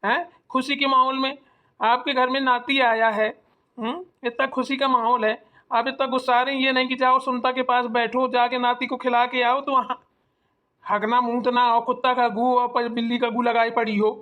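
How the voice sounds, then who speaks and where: An earnest grown son in a cartoon, voiced by a performer, lecturing his mother with steady persuasion. The voice sits at a middle pitch. He keeps explaining and pleading with her. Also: moderate pace, highs cut off, lightly acted. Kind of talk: Hindi cartoon voice acting.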